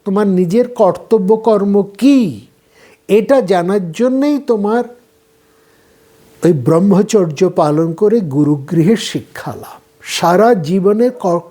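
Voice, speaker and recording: A man giving a slow, measured philosophy lecture, often trailing off softly at the ends of his phrases. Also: sits high.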